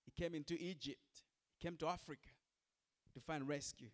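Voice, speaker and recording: A man's voice: a little high, fairly quick. A male pastor preaching a sermon, speaking in short repeated phrases and asking the listeners direct questions.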